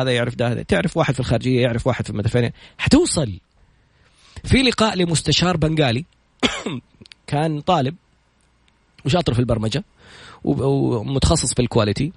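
Husky-voiced Saudi man, rapid-fire motivational storytelling host. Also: medium pitch, dry recording. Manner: rapid, animated, retells others' stories.

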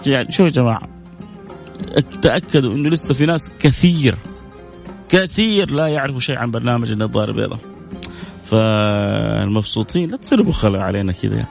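Fast-talking radio host. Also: male voice, mid-range voice, expressive, creaky, soft background music. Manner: earnest, preachy, reading out listener messages. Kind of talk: radio call-in advice talk.

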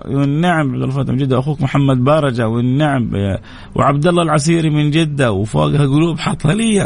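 A man's voice: medium pitch, vocal fry. A male radio host, chatting casually and greeting listeners one after another. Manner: warm greetings, quick lively delivery. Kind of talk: casual live radio chat, reading listener names.

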